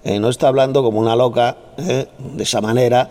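A man's voice: mid-range voice, fairly even intonation, fast talker, a little mellow. A man leading a Bible study who explains verses with conviction and scolds and mocks his opponents. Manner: combative, scolding, mocking opponents. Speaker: Bible teacher. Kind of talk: heated Bible study debate.

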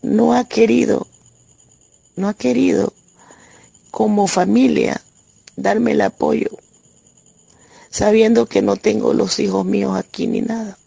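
Brief: Panamanian woman giving a church testimony from her bed at home, rough gravelly voice, stop-start delivery. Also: mid-range voice, steady tone, dark tone, no echo. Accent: Panamanian Spanish. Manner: halting, with many restarts. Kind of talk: personal religious testimony.

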